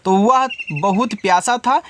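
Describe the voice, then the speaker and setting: A man's voice: sits high, measured pace, bright, forceful tone, a little hiss or hum. A man giving a casual spoken English lesson as a teacher, patient and repetitive, often asking his listeners questions. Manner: patient, repeats each step, often asks listeners directly.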